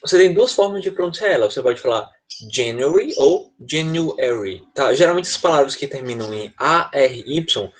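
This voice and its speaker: A man with a Brazilian Portuguese accent, an English teacher giving an online class, explaining step by step and checking in often with the students. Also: mid-range voice.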